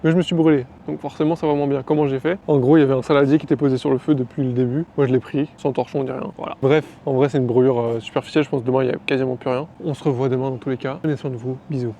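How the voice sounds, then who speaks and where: A man's voice: medium pitch, fairly even intonation, very fast, hardly any pauses, warm tone, a little hiss or hum. A man vlogging casually outdoors, chatty and rambling with many fillers, on a phone camera. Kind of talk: casual daily vlog.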